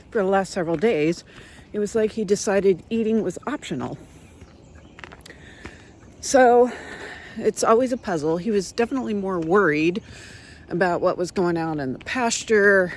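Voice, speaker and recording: A woman hosting her own podcast, chatting in an unhurried way with frequent ums and pauses, recorded on a phone. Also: mid-range voice, a little mellow. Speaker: podcast host. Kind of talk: casual chat.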